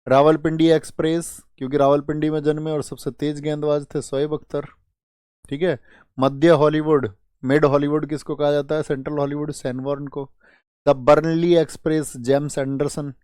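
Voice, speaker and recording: A man's voice: a little high, warm tone, no echo, studio quality. A young adult male teacher running an online exam-prep class, quizzing students by asking questions and answering them himself, sometimes scolding with exasperation. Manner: quizzing, asks then answers his own questions.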